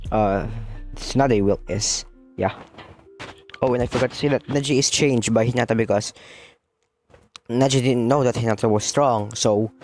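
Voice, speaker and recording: Young guy rambling through a fan story, kinda low voice, says uh a lot, faint music behind. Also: a little mellow. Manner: rambling, many fillers and self-corrections. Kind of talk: casual unscripted story retelling.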